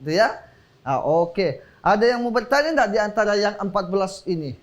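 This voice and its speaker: A man's voice: high voice, lively intonation, a little fast. A man teaching children as a religious teacher on a TV show, quizzing them and leading call-and-response with frequent praise. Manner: encouraging, quizzing, exclaiming praise often. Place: TV studio.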